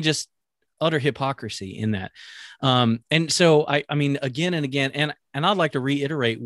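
An earnest man co-hosting a faith-based talk show, speaking in a middle-pitched voice. He talks in a measured way, pausing often on ums and restarting his sentences. The recording is dry and close, with no room sound. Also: no room sound.

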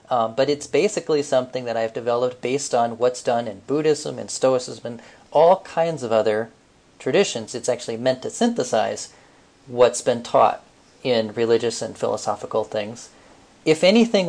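A man on a podcast explaining a mind technique step by step, relaxed, with frequent fillers. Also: medium pitch. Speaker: podcast co-host. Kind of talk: casual teaching talk.

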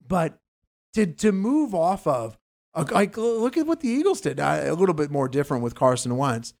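Animated, rambling male show host. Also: a little high, normal speed, vocal fry. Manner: rambling, animated, stumbles over words. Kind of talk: casual investing talk show banter.

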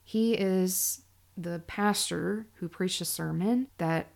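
Middle-aged woman host, low gravelly voice, candid and emphatic solo talk. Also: slow, darkish tone. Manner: candid, sarcastic, emphatic storytelling. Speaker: podcast host. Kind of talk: solo podcast monologue.

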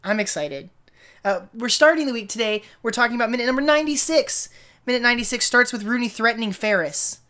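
A woman's voice: on the high side, lively intonation, quick pace, pushed and bright. Casual millennial woman podcaster, enthusiastic. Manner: casual millennial speech, peppered with "like". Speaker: podcast co-host. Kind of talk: casual film-fan podcast chat.

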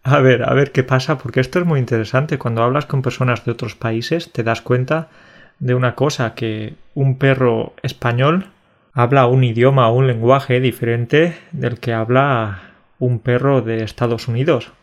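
A man from co-hosts a casual chat made for learners. He jokes along and spells out his words slowly and with care. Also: mid-range voice, steady tone. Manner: joking, slow and carefully articulated. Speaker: podcast co-host.

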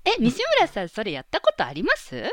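A woman's voice: medium pitch, huge pitch swings, a little fast, very noisy. A woman co-hosting a casual chat, speaking politely in an earnest, self-effacing way. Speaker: talk show co-host.

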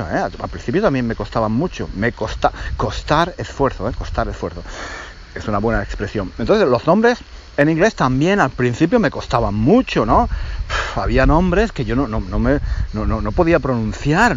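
A man from Spain in his forties tells a classroom-style story to his learners, in a Spanish accent from Spain. His pitch rises and falls freely while he hesitates, restarts and keeps asking if they follow. The recording sounds a little dull, with a faint hiss behind him. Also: sing-song, normal speed. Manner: hesitant, with frequent restarts and check-in questions. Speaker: Spanish teacher. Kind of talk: casual storytelling lesson for learners. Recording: slightly muffled lo-fi audio with faint noise.

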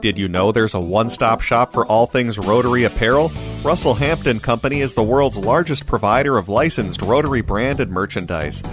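Male ad announcer, upbeat sales read, mid pitch, guitar music underneath. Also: normal speed, hardly any pauses. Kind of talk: scripted ad read. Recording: music bed behind voice.

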